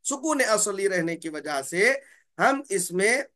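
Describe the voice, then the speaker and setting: Teaching Quran recitation rules, a man speaks in a high, animated voice with a bright, forceful tone. The lesson is slow and explanatory: he repeats key terms, drawls out letter names, and asks and answers his own questions.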